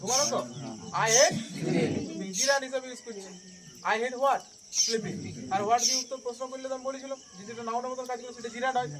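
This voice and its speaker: A man's voice: very high-pitched, steady tone, quick pace, far from the mic. A male English teacher giving a classroom grammar lesson, drilling students with repeated check questions and mixing English examples into casual speech. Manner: casual familiar address to students. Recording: loud background noise with insects.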